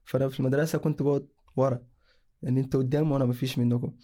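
A man's voice: mid-range voice, little pitch movement, very fast, mellow. A young man from Sudan, casually telling his own story in a rambling way, often correcting himself mid-sentence. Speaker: guest sharing a personal story.

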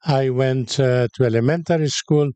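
An older man from Cyprus, born in Haifa, interviewed as a guest, telling his story in an unhurried, reflective way. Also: medium pitch, dark tone, no echo. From born in Haifa, raised in Cyprus. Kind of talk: interview conversation.

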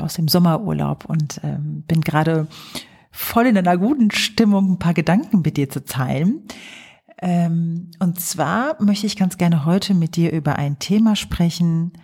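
A woman psychologist and coach hosting her podcast, talking gently and thoughtfully with pauses in a calm reflective monologue. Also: on the low side. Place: home, early morning.

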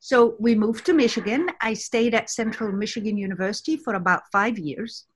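A woman's voice: on the high side, fairly quick, slight background noise. A woman in her sixties from Egypt, a podcast guest recounting her life in a conversational, storytelling way. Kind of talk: podcast interview, personal story.

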